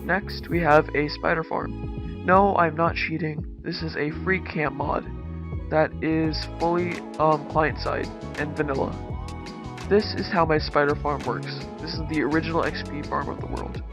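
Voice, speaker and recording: A man speaking through a voice changer as he hosts a relaxed, easygoing tour of his game world. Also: a little high, measured pace. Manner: laid-back, easygoing, talks while touring his builds. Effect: voice changer disguising his voice. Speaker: gaming channel host. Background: background music.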